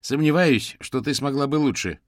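A man voicing a cheerful, brash male private investigator in an audiobook, breezy and quick to snap back. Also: medium pitch, big pitch swings, a bit bright, dry recording, studio quality, pitched above the performer's own voice.

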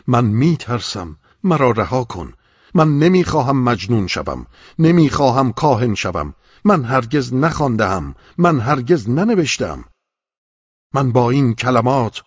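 Audiobook figure: man reading a panicked, pleading man, husky, muffled dry recording. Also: mid-range voice, very animated, dry recording, pitched above the performer's own voice. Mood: frightened. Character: terrified man pleading to be let go.

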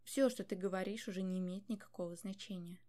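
A woman's voice: medium pitch, quick pace, lightly acted. A woman voicing a weary, grave old king. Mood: resigned. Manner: quiet, heavy, resigned.

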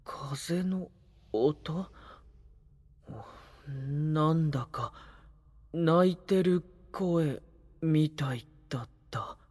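A man playing a gentle, timid young vampire in an intimate audio drama, speaking softly and hesitantly with breathy murmurs. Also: fairly high pitch, very slow, long pauses, exaggerated voice. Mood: hesitant, uneasy.

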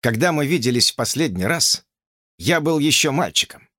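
A man's voice: mid-range voice, animated, normal speed, pushed and bright, no room sound, clean studio sound. A man voicing an agitated, lovesick young man who talks insistently and stammers.

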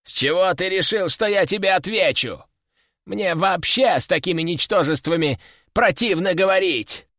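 A man's voice: fairly high pitch, animated, unhurried, sharp tone, no echo, clean studio sound, voice pushed up. A man voicing an arrogant, scornful male demon aristocrat. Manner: sneering, contemptuous.

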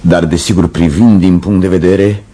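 A man's voice: low voice, steady tone, dark tone, husky. An actor playing a smug, fawning young footman in a radio play, with affected speech.

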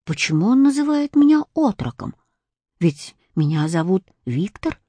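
A woman calmly reading a first-person children's story aloud. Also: mid-range voice, breathy edge, dry recording. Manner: calm, unhurried first-person telling. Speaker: audiobook reader. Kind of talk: storybook narration.

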